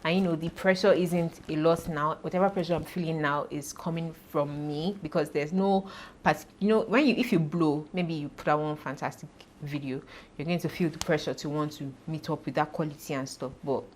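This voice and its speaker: Low-voiced woman vlogging. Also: fairly even intonation, brisk, slight background noise. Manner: chatty, self-deprecating, laughs often. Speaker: YouTuber. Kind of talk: casual talk to camera.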